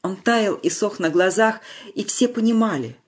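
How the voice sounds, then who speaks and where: Narrator: mid-pitched, measured storytelling, reads a war-era tale. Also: lively intonation, slightly rough. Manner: measured storytelling, slowing on solemn lines. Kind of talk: scripted narration.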